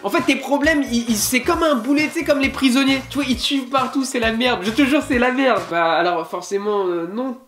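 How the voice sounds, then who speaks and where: A young man from France casually reacting to an online quiz, slangy and animated, swearing and grumbling as he talks. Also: very high voice, a little fast, hardly any pauses. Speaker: YouTuber. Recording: roomy sound with music behind.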